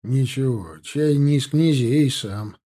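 A man's voice: medium pitch, slow pace, mellow. A man voicing a young male cavalry lieutenant, plain and matter-of-fact.

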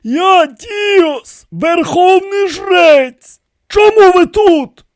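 A man voicing an ancient, frail high priest in an audiobook, with a shrill, quavering, half-wailing delivery. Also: slow, a bit bright, dry recording, clean studio sound, heavily acted. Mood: pleading. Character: ancient frail male high priest, seven thousand years old. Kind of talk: audiobook character voice.

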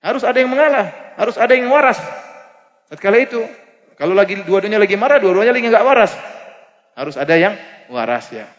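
Guy preaching, kinda high voice, jokes around, muffled recording w/ long hall echo. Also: quick pace, long pauses. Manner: lively, humorous, asks the audience questions. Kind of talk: Islamic lecture. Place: mosque lecture hall.

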